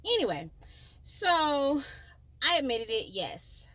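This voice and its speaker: A woman hosting her own podcast, telling a life story in a chatty, slangy, animated way, with sons at home. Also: sits high, takes it slowly, dry recording. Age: adult, with children. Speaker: podcast host. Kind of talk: storytelling monologue.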